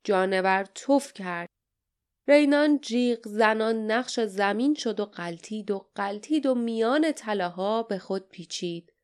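A woman narrating an adventure audiobook with steady, dramatic storytelling. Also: mid-range voice, clean tone. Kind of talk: scripted narration.

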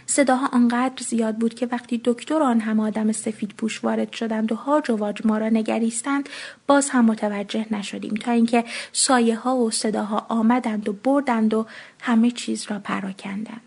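A woman narrating a short story in an expressive reading voice, lifting her pitch when she speaks the children's lines. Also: creaky, slightly rough.

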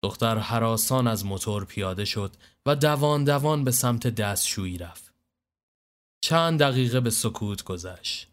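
Give me a man reading a story aloud in a steady, even way. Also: medium pitch, clean tone. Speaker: narrator. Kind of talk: scripted story narration.

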